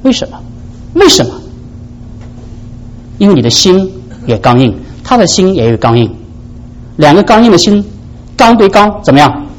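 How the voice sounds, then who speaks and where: A man preaching a sermon to his congregation, asking rhetorical questions and swinging from soft low asides up to high, emphatic peaks. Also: big pitch swings, moderate pace, poor audio. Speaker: pastor.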